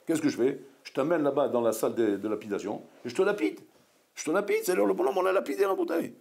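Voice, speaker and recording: A man, a rabbi, preaching a sermon in a lively, scolding way full of rhetorical questions. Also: a little high, quick pace, creaky, husky.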